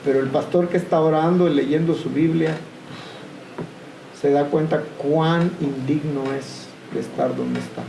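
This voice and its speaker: Gravelly-voiced man speaking from afar. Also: fairly high pitch, very animated, unhurried. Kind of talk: church talk. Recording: distant mic in echoey room, faint noise.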